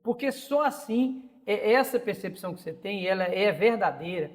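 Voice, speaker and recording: In a large hall, a Brazilian man in his fifties hosts a podcast, running a casual interview where he voices firm opinions and repeats words while hunting for them. His Brazilian Portuguese accent comes through in a voice that sits high and is animated, at a moderate pace.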